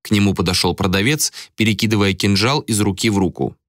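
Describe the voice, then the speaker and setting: A man's voice: fairly low pitch, quick pace, a bit bright, no echo, clean studio sound. A man narrating an audiobook with dramatic storytelling.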